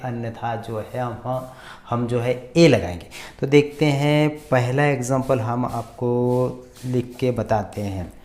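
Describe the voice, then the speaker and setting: Slow, flat-voiced man teaching grammar. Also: medium pitch. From India. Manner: repeats words slowly while writing examples. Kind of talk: slow classroom grammar lesson.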